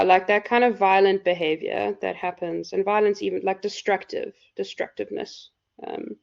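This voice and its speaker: A woman lecturer with a hoarse, croaky voice, explaining loosely with lots of fillers in a live university class. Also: medium pitch, darkish tone. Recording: dull lo-fi recording.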